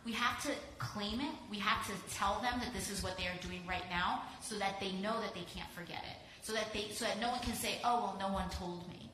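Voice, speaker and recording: A woman's voice: medium pitch, sharp tone, a little hiss or hum. A woman panelist speaking with passion and emphasis, returning to the same phrases again and again. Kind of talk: impassioned panel remarks. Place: panel event hall. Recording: echoey hall.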